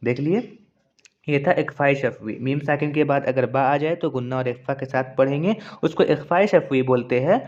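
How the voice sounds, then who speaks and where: A man's voice: mid-range voice, fairly quick, few pauses, darkish tone, dull audio. A man teaching Quran recitation rules, explaining patiently and repeating each point. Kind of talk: explanatory lesson with slow recited examples.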